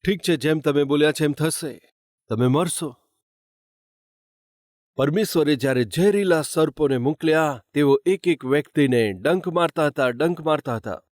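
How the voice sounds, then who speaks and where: A man's voice: fairly high pitch, moderate pace, few pauses, no echo, studio quality. A man preaching a sermon as pastor, asking his listeners rhetorical questions. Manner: asks the congregation rhetorical questions.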